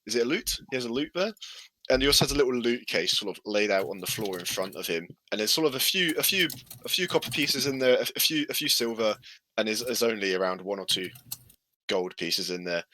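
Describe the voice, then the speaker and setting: A man's voice: on the low side, expressive, quick pace, bright, forceful tone, slight background noise. A man narrating a tabletop game as game master, hesitant and full of fillers.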